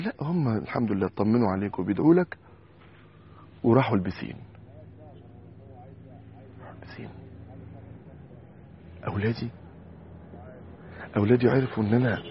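A man with an Egyptian accent preaching a sermon, telling a story and moving from soft asides to loud exhortation. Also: mid-range voice, expressive, fairly quick, pauses often. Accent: Egyptian Arabic. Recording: dull lo-fi sound with faint noise.

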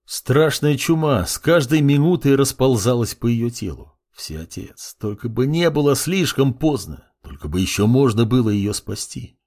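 A man narrating a dark first-person audiobook in a tense, brooding delivery. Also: medium pitch, lively intonation, normal speed, few pauses.

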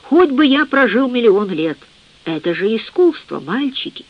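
A narrator voicing a quietly proud, fussy male undertaker in an audiobook reading, on a dull lo-fi recording. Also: mid-range voice, very animated, a little slow.

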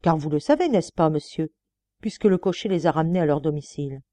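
A woman's voice: deep voice, lively intonation, fast, dark tone, no echo. A woman reading the part of a defiant, ironic male murder suspect under questioning. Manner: mocking, then indignant pleading.

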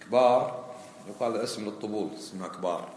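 A man's voice: on the low side, a little fast, a little mellow. A man teaching a colloquial lesson on prayer rulings, questioning his students and repeating key phrases. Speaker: sheikh teaching a fiqh lesson. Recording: echoey hall with faint ambient noise.

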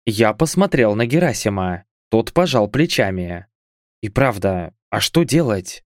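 A man's voice: lowish voice, big pitch swings, a little slow, no echo, clean studio sound. A man reading a first-person fantasy audiobook with wry, conversational asides. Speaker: audiobook narrator.

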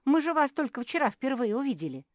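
A woman's voice: high voice, big pitch swings, fast, no echo, clean studio sound, voice pushed up. A woman voicing a grumbling, matter-of-fact young female dog in a storybook.

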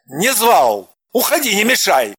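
A man voicing a jealous, furious husband who snaps and shouts at his wife. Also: fairly high pitch, lively intonation, takes it slowly, dry recording, studio quality. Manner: shouting, snapping, harsh. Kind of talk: audiobook character voice.

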